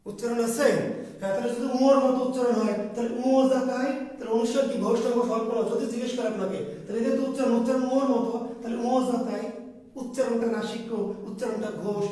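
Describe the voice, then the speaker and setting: A man's voice: very high-pitched, warm tone, recorded from a distance. A man teaching an exam preparation class, who keeps asking a question and then answering it himself. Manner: repetitive quizzing, asks and answers himself. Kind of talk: classroom lecture. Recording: echoey room, voice from off mic.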